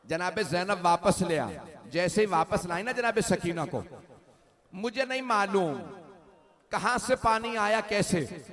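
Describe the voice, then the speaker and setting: A man's voice: high-pitched, animated, measured pace, fairly bright tone. A man reciting a mournful sermon, emotional and drawn out, rising to anguished cries, worn out and tearful. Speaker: preacher reciting a mourning narrative.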